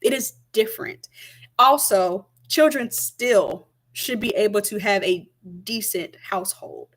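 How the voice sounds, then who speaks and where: A woman's voice: mid-range voice, unhurried. Young woman, casual talk to camera, emphatic, repeats herself. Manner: chatty, emphatic, repeats points. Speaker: vlogger.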